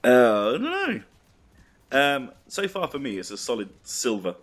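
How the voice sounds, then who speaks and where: A man's voice: medium pitch, wildly swooping pitch, measured pace. A man co-hosting a casual video game chat, rambling with many ums and restarts. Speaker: podcast co-host.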